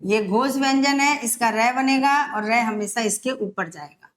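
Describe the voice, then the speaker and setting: A woman teaching Hindi grammar for an exam, explaining step by step and repeating words slowly. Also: a little high. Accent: Rajasthani Hindi. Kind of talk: exam-prep grammar lesson.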